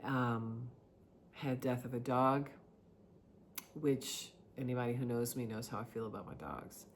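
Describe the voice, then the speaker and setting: Slow-talking middle-aged woman sharing personally. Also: rumbling low, a little hiss or hum. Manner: halting, reflective, pausing often between short phrases. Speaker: vlogger sharing personal experiences. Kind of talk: confessional personal monologue.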